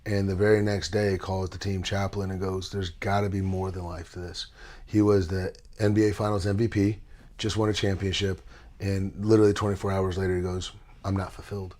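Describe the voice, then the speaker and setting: A man with a fairly low voice hosts a relaxed podcast interview. He talks in a chatty, storytelling way and turns playful now and then. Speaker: podcast host. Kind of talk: casual interview.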